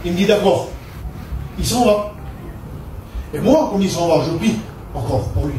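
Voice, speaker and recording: A man from Perpignan tells his church testimony with fervent, repetitive storytelling. His voice sits high and carries. It reaches the mic from afar in an echoey hall with faint room ambience. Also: animated, normal speed, mellow, a little hiss or hum. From Perpignan, southern France. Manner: fervent, storytelling with repeated "je dis". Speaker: preacher giving testimony. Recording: echoey room picked up from a distance.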